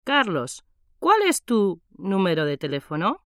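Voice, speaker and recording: A woman's voice: medium pitch, wildly swooping pitch, measured pace, no echo, studio quality. A woman playing a cheerful nineteen-year-old in a scripted language-exam dialogue, carefully enunciating. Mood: casual.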